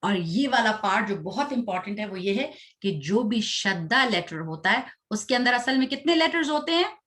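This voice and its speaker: A woman with a mid-range, fairly bright voice teaches Quran recitation to children online. Speaking animatedly, she recites slowly, one syllable at a time for the pupils to repeat, and quizzes them between lines with praise.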